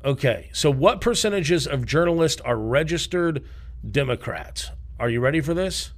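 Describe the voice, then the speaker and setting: Emphatic man with a higher voice. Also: lively intonation, moderate pace. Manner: emphatic, fires rhetorical questions. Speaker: podcast co-host. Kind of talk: casual podcast debate. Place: podcast studio.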